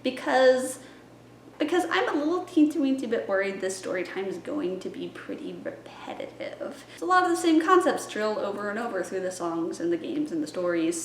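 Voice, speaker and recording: A young woman, a children's librarian, plans story time for viewers in a fairly high, sing-song voice at a moderate pace, playfully breaking into chanted rhymes and songs. The room is echoey with faint music, plus a little hiss or hum.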